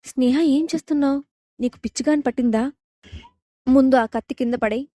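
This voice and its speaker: A woman reading the part of a calm, controlling young man in a romance audio story, speaking firmly. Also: high voice, fairly quick, dry recording, clean studio sound, natural voice. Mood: alarmed. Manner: calm, firm, sometimes shouting.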